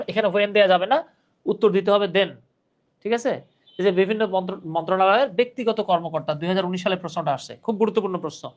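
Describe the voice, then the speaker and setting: A man's voice: high-pitched, brisk. Young man, grammar teacher, live online class, patient explanations, reads viewer comments aloud.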